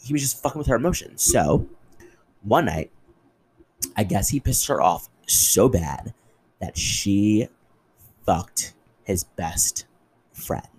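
A young man hosting his own podcast, chatting casually and animatedly, swearing often and jumping up in pitch for emphasis. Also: sing-song, takes it slowly, pauses often, darkish tone, breathy edge, rough recording. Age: young adult. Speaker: podcast host. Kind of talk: casual solo podcast chat.

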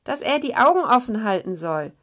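A woman's voice: a little high, sing-song, fairly quick, a bit bright, voice pushed up. A woman voicing an earnest female seal who explains things carefully.

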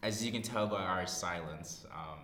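A man's voice: deep voice, normal speed, sharp tone. A nineteen-year-old man hosting a podcast in casual, self-deprecating, joking chat, recorded in an echoey study room. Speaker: podcast host. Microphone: podcast microphone. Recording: echoey room, reverb, background noise.

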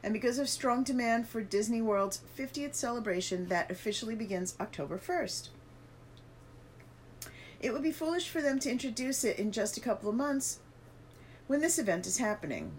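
A woman's voice: on the high side, lively intonation, moderate pace, a little hiss or hum. A woman co-hosting a podcast, reading an article aloud and adding her own casual remarks, with the hiccups. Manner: reads aloud and adds asides, with fillers. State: has the hiccups. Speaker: podcast co-host reading news.

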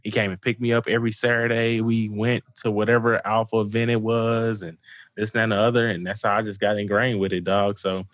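An American man hosting a podcast, chatting casually in a slangy, informal way with animated reactions. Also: on the low side, brisk, no echo. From St. Louis area, United States. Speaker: podcast host. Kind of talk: casual chat.

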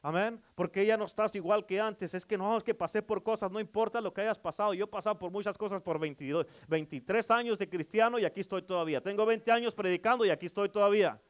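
A man's voice: high-pitched, fast, hardly any pauses, clear, resonant tone. A middle-aged male pastor preaching a sermon, emphatic and repetitive, often calling for amens.

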